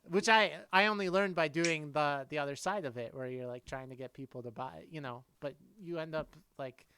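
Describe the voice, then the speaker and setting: Guy hosting a podcast, smooth clear voice, dry sound, laughs a lot telling stories. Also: on the high side, moderate pace, pushed and bright, no room sound. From not from Boston. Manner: chatty storyteller, laughs often. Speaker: podcast host. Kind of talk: casual chat.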